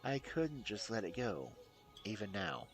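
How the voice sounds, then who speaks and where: A man's voice: lowish voice, measured pace, faint music behind. A man streaming a story game, reading it aloud and commenting with chuckles. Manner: lively, chuckling asides.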